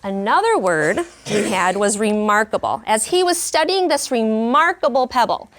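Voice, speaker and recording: Very animated and fairly bright, her high-leaning voice runs at normal speed as she reads aloud to young children. The elementary school teacher explains words and lessons in simple, child-friendly ways, quizzes her pupils, and talks through her teaching method.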